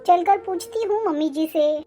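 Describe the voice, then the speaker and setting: Woman doing a gentle sick young bride. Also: very high-pitched, moderate pace, faint music behind. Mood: weary. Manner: soft, polite, weary. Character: sick young daughter-in-law, gentle and dutiful.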